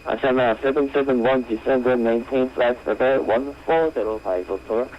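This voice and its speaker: A man's voice: mid-range voice, moderate pace. A man giving clipped, procedural air traffic control instructions over the radio. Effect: radio transmission. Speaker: air traffic controller on an online flight simulation network. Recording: muffled lo-fi radio with faint noise.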